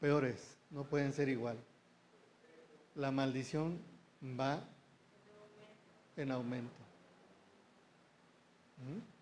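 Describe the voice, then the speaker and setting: A man's voice: medium pitch, drawn-out words, long pauses, a little mellow, a little hiss or hum. A man preaching a sermon, often checking in with the congregation through short rhetorical questions.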